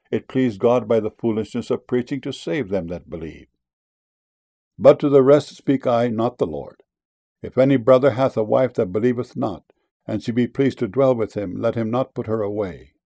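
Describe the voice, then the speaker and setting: Gravelly-voiced man reading scripture. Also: medium pitch, mellow. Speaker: scripture reader. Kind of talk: solemn King James scripture reading.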